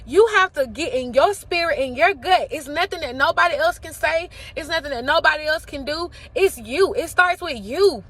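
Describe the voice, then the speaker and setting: A woman's voice: high voice, moderate pace, few pauses, fairly bright tone. A woman around forty giving an emphatic, impassioned motivational talk, repeating phrases for effect.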